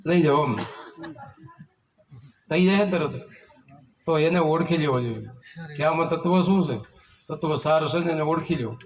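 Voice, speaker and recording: A high-voiced Kutchi man leads a satsang as a spiritual teacher, delivering a devotional sermon at a devotee's village home. He speaks at normal speed with long pauses, preaching through rhetorical questions and reciting hymn verses, and the mic is far from him.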